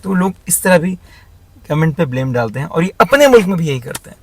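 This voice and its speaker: A man's voice: fairly high pitch, sing-song, brisk, slight background noise. Blunt, scolding male vlogger. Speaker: channel host. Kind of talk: opinionated commentary vlog.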